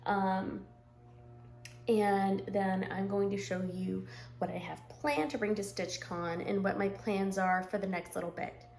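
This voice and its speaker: Chatty woman in her forties, slightly gravelly. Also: mid-range voice, unhurried, darkish tone, faint music behind. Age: 40s. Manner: rambling, frequent ums and clearing her throat. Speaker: stitching vlogger. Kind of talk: casual chat to camera.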